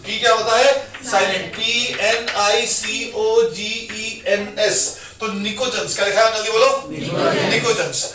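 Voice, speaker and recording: A man's voice: sits high, fairly even intonation, a little slow, noisy background. A man teaching a classroom, drilling mnemonics in a sing-song call-and-response way. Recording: echoey classroom from far off, loud crowd.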